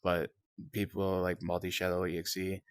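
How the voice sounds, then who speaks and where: A man in a casual voice chat, explaining himself defensively with halting restarts. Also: low-pitched, monotone, clear, resonant tone, dry recording.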